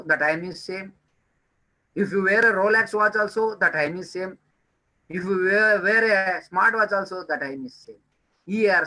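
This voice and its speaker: A man's voice: high-pitched, bright, forceful tone, low-quality recording. A man giving a time management webinar lecture, earnestly repeating key points and addressing listeners as dear friends.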